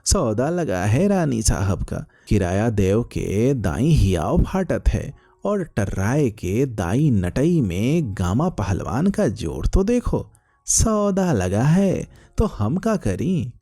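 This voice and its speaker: A man voicing a quarrelsome, spiteful older woman neighbor who scolds in a shrill village dialect. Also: big pitch swings, measured pace, few pauses, warm tone. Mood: scolding.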